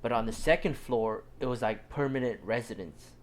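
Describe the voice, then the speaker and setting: Young male co-host from Southern California, relaxed joking banter in an average-pitched voice. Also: moderate pace, slight background noise. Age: young adult. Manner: laid-back, joking banter, often laughing. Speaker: podcast co-host. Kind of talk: casual chat.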